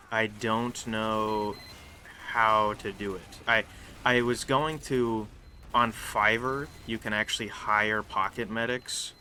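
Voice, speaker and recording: Young male gaming host, low-ish but bright, forceful voice, halting stream-of-consciousness talk with a faint hiss behind it. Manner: rambling, halting, with frequent restarts and fillers. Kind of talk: casual live gameplay commentary. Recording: faint background noise.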